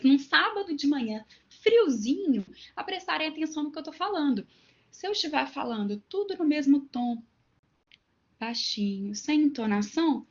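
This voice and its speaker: A woman's voice: sits high, dull audio. A woman with a Minas Gerais accent giving an online lecture to teachers, explaining with everyday examples and asides. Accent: Minas Gerais Brazilian Portuguese. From Minas Gerais, Brazil.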